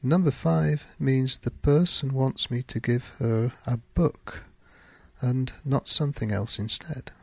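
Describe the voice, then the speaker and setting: A man hosting a podcast, teaching English pronunciation in a slow, careful teaching monologue with clearly spaced example sentences. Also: medium pitch, dry recording.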